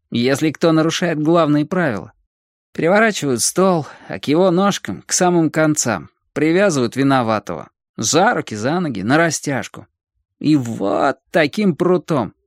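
A man's voice: fairly high pitch, no echo, studio quality, voice pushed up. A man doing a wary, know-it-all orphan boy. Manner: wary, knowing.

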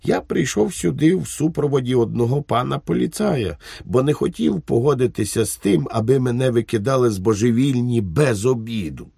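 A man's voice: medium pitch, animated, moderate pace, vocal fry, hardly any pauses, dark tone, breathy edge, no echo, clean studio sound, voice pushed up. A man voicing a cheerful, simple-minded good soldier in an audiobook, eager and politely naive. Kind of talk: audiobook character voice.

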